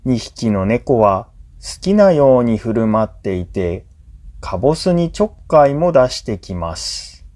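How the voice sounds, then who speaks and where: Acting as a teacher, a man whose first language is Japanese reads a scripted story for language learners, enunciating carefully in short, separated phrases. His medium-pitched, darkish voice swings widely in pitch, and he speaks a little slowly.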